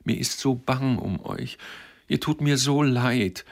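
A man's voice: sits low, unhurried, slightly rough, heavily acted. A man voicing an anxious, tender young woman who pleads in a raised, strained voice. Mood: pleading.

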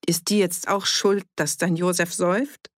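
A reader voicing a calm but challenging village man in an audiobook. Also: mid-range voice, measured pace, dry recording, studio quality, voice pushed up, natural voice.

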